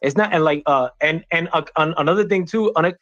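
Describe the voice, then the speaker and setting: A man from the United States making a point on a political call-in panel, halting and restarting with lots of fillers. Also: fairly high pitch, fairly bright tone, no room sound, lo-fi sound, faint music behind. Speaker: panel caller. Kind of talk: heated political debate.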